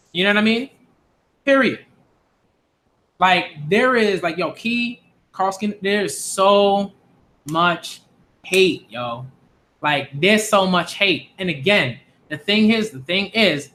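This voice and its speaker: Speaking directly to the camera, a man in his late twenties vents at his audience in an exasperated, insistent way, repeating himself for emphasis. His voice sits high and sounds bright and pushed.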